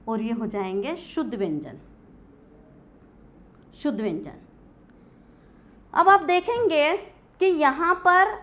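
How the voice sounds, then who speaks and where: A woman's voice: sits high, a bit bright. A woman teacher giving a classroom grammar lecture, asking questions and answering them herself. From India. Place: coaching class.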